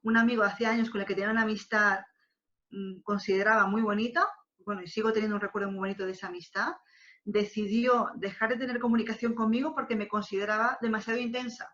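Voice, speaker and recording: A woman interview guest, a wedding planner, speaking reflectively and hesitantly with many pauses and fillers. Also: mid-range voice, steady tone, a bit bright. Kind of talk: reflective conversation. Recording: slightly dull lo-fi audio.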